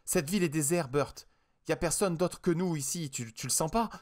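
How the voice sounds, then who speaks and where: A man voicing a frightened, insistent young wife in an audiobook, pleading and sharp. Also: on the high side, normal speed, pitched above the performer's own voice, close to an everyday voice. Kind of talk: audiobook character voice.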